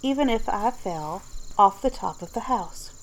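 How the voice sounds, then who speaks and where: A woman's voice: medium pitch, expressive, a little slow, a little hiss or hum, low-quality recording. A woman voicing a curious young girl musing to herself in a whispered storybook reading.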